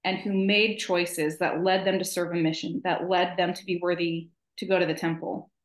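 A woman in her thirties makes her points with earnest emphasis, her voice sitting on the lower side. She joins over a video call from a home office, and the sound carries a noticeable room echo. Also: little pitch movement, normal speed. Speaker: podcast co-host. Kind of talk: casual conversational chat.

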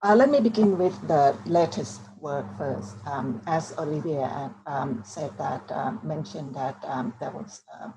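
Woman in her sixties, Thai accent, hesitant artist talk, slow pace, noisy home video-call mic. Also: low voice. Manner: hesitant, searching for words. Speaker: artist presenting her work. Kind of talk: halting online artist talk. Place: small book-lined room at home. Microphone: computer mic on video call.

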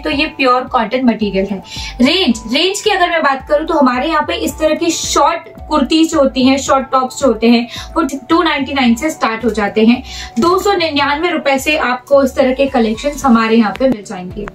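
A woman's voice: high voice, a little fast. A young Indian woman presenting clothing in a shop with a chatty, persuasive sales patter, repeating words for emphasis. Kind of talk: product showcase sales pitch. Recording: voice a bit far from the mic, music underneath.

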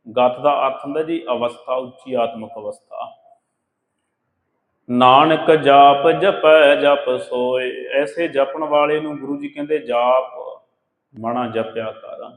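Preacher in an echoey hall. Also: male voice, mid-range voice. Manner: addresses listeners as beloved ones, rhetorical questions, chants scripture lines slowly. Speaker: katha preacher. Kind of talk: sermon explaining scripture. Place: gurdwara hall. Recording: echoey hall with long reverb.

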